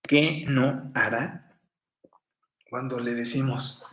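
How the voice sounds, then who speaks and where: A middle-aged man with a Mexican accent preaching a sermon in a folksy, storytelling way, with sudden bursts of loud emphasis. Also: medium pitch, steady tone, slow. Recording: roomy echo.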